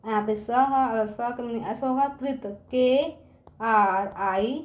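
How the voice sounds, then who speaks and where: A high-pitched woman teacher spells words for children one letter at a time and keeps asking whether they have understood. Her voice rings around an echoey room. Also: slow.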